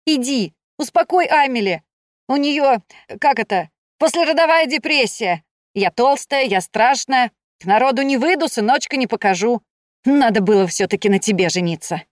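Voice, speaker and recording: A woman's voice: fairly high pitch, lively intonation, no echo, studio quality, voice pushed up, lightly acted. A woman doing a brash teasing young king. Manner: mocking, quick, exaggerated.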